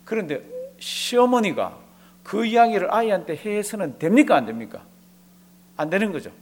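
A man's voice: sits high, sing-song, normal speed. A man preaching a sermon as a pastor, asking the congregation rhetorical questions and acting out bits of dialogue as he tells a story.

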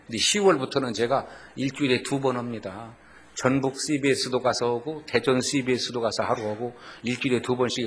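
A middle-aged man preaching a revival sermon in a strong Jeolla accent, folksy and joking, rising to loud exclamations. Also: medium pitch. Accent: Jeolla Korean. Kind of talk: sermon with jokes.

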